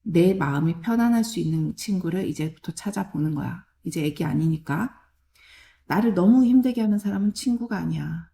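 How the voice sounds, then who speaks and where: A woman's voice: mid-range voice, gravelly, mellow. A woman giving direct advice to children and parents, firm and caring, speaking in short plain commands.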